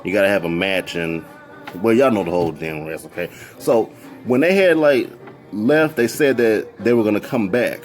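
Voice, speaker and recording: A man telling a story casually, excitable and jumping into high squeals when he quotes people. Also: moderate pace, faint music behind.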